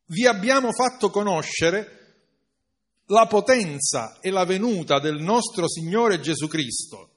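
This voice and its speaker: Man, preacher, sermon, high-pitched, impassioned, emphatic repetition.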